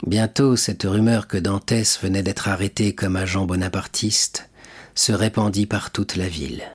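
A man narrating a classic novel as an audiobook reader, in a steady, measured way. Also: low-pitched, breathy edge.

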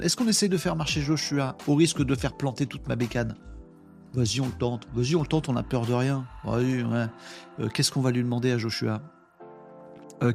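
Casual male streamer host, mid-pitched, loose and rambling, reads chat aloud over faint music.

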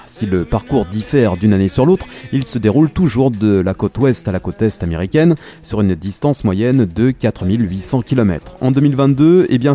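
Male host, scripted playful narration, deep mellow timbre, light music bed. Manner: upbeat, playful. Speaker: podcast host.

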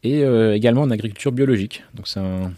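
A man's voice: on the low side, fast talker, mellow, a little hiss or hum. A man hosting a podcast, chatting casually through a wine tasting, describing it with many hesitations and fillers. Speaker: podcast host.

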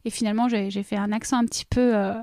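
A woman podcaster speaking in a casual interview, expressive and searching for her words. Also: medium pitch, fast, no room sound, clean studio sound. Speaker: podcaster guest. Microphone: studio microphone.

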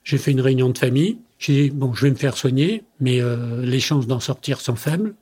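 Older man, husky voice, interview guest, conversational storytelling, acts out quoted dialogue. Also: mid-range voice, a little fast, darkish tone. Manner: tells anecdotes by acting out quoted dialogue. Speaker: company president interviewed as guest.

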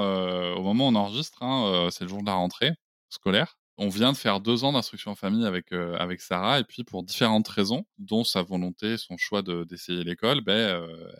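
This podcast guest is a man in his forties from the Bordeaux area of France, talking casually in an interview with plenty of hesitations and restarts. He speaks briskly in a lowish, fairly bright voice, recorded with clean studio sound and no echo.

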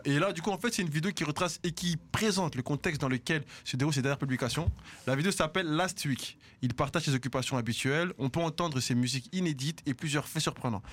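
Belgian male radio host, quick and a bit high, joking chat between news bits. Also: fairly bright tone. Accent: Belgian French. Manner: joking, reads news items quickly with fillers. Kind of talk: casual hip hop radio chat. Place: radio studio.

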